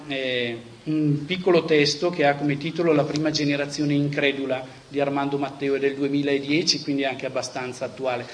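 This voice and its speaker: A man's voice: a little high, a bit bright, slight background noise. A man giving an earnest, reflective talk to a church audience, often restarting phrases and adding little tag questions. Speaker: speaker at a church gathering.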